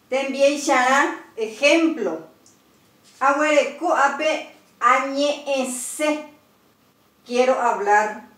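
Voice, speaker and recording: A woman teaching a grammar lesson, slow and deliberate, spelling words out letter by letter. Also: high-pitched, fairly bright tone. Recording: roomy, from a distance.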